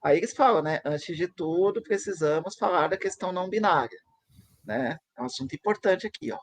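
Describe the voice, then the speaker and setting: A man's voice: sits high, animated, brisk. A man hosting a casual online chat over a video call, upbeat as he reads text aloud and comments on it. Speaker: host.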